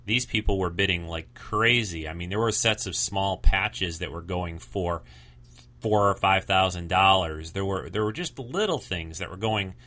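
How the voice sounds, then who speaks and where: Guy with a low bright voice chatting casually like a podcast host, rambles and hesitates. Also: normal speed. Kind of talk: casual chat commentary.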